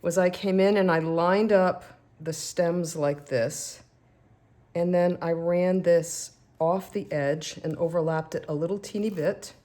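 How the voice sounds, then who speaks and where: Woman craft demonstrator, lowish pitch, chatty and self-deprecating, explains as she stamps. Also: a little slow, mellow. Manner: chatty, self-deprecating, talks while working. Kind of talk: casual craft tutorial.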